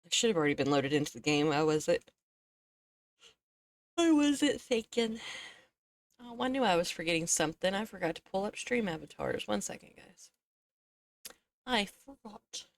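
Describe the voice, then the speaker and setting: A woman's voice: mid-range voice, moderate pace, long pauses. A woman streaming a game, sleepy and yawning as she chats casually with viewers, laughing often. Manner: relaxed, chatty, laughs often. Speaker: VTuber streamer.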